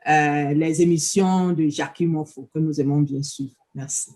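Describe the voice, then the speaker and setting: A woman's voice: sits low, steady tone, unhurried, mellow. Polite Cameroonian-born woman guest. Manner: polite, hesitant with many fillers. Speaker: interview guest. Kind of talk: interview answers.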